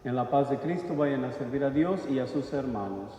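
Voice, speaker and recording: A man assisting at Mass, slowly and devoutly reciting prayers and responses with a cathedral echo. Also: mid-range voice, expressive, warm tone. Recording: dull church recording with long echo.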